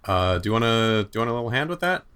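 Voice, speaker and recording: A man's voice: medium pitch, big pitch swings, racing, a bit bright, smooth. A man playing a tabletop role-playing game, casual and helpful as he offers another player a bonus.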